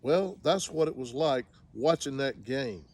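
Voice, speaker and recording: Slow, wry man reviewing a game. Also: medium pitch, animated, darkish tone. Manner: wry, sarcastic humor. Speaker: fan reviewing a football game. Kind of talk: casual spoken game review.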